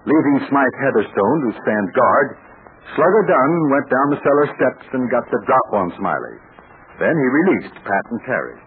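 A man announcing and narrating an adventure serial in an emphatic, animated 1940s radio style, recorded on an old radio transcription. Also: normal speed, narrow, tinny audio, slight background noise. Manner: emphatic, animated sales pitch to children.

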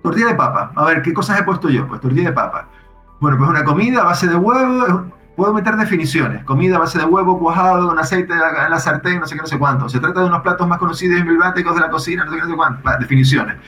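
A man casually explaining how his software works, thinking aloud with frequent restarts. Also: a little high, expressive, fast talker, echoey room, soft background music. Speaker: software developer guest.

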